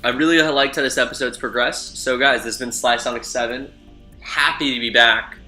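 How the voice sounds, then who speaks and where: Brief: young male let's-play host, crisp bright voice, roomy sound with faint music. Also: mid-range voice, brisk. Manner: excitable, swears and laughs. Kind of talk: gameplay commentary.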